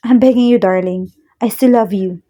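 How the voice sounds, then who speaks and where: A woman's voice: medium pitch, moderate pace, mellow, lightly acted. A woman voicing a tearful young ex-girlfriend who begs to be forgiven. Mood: pleading. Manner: begging, sobbing.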